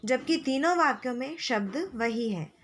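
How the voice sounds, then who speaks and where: A woman teacher explaining grammar to schoolchildren, slow and patient, repeating key phrases. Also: high-pitched, animated, a bit bright, a little hiss or hum. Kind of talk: classroom lesson explaining grammar.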